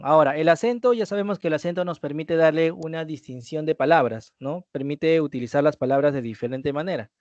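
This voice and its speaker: A man with a slightly higher voice teaches an online review lesson. He explains patiently, checks in with a questioning "¿no?" and restates each key point. The sound is dry and a little dull, like a lo-fi recording. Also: a little mellow, no echo.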